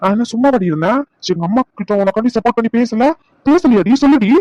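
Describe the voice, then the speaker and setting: A performer playing a bossy, grumbling young husband in a cartoon, scolding and teasing at a fast clip. The sound is dry and slightly muffled. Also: mid-range voice, expressive, darkish tone, no room sound, lightly acted.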